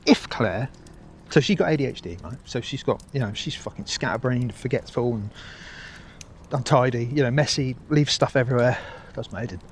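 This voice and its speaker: A man talks his way through a loose vlog monologue while walking a dog outdoors, rambling and often restarting his sentences. He swears freely and sounds a little worn down by the heat. His voice sits at an ordinary middle pitch, with faint outdoor ambience behind him. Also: a little fast, a little hiss or hum. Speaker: vlogger. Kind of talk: casual spoken monologue.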